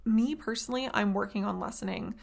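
Woman podcast host, casual rambling chat, mid-range voice with gravelly fry. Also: medium pitch, fairly quick. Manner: chatty, rambling, lots of "like".

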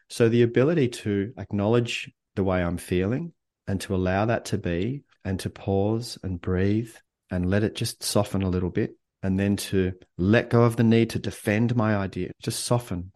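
A man coaching on leadership as a podcast guest, speaking in a calm, reflective, earnest way. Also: on the low side. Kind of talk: casual podcast interview.

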